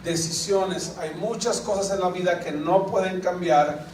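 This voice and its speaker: A man with a high voice preaches to his congregation, often asking questions and drawing replies from them. He sounds a little far from the mic, in a roomy church hall with a faint hum of people behind him. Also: a little slow, a little mellow. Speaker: pastor. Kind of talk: sermon. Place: church sanctuary. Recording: echoey church hall, picked up from a distance.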